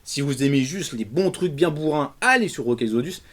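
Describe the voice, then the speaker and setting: A man with a medium-pitched, animated voice reviews comics at a normal speed. As the channel's host, he talks straight to his viewers in a casual, colloquial, emphatic way, giving an enthusiastic video review.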